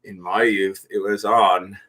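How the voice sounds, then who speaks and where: This man in his thirties is a musician co-hosting a casual drinking livestream full of drunken banter. His voice is fairly low and a bit bright, with a level tone and a slightly slow delivery. He jokes and rambles, frequently trailing off into mumbles.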